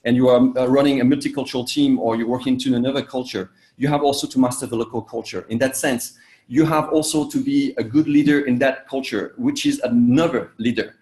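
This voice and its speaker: An executive coach born in Vietnam and raised in France answers interview questions in English, halting often with "uh" fillers, restarts, and self-corrections. His middle-pitched, slightly mellow voice has fairly even intonation. The room is reflective, so the recording sounds echoey.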